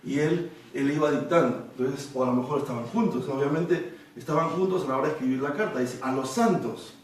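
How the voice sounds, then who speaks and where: Recorded from a distance in an echoey room, a pastor at medium pitch moves briskly through a Bible study sermon. He explains the passage at length and often pauses to ask rhetorical questions.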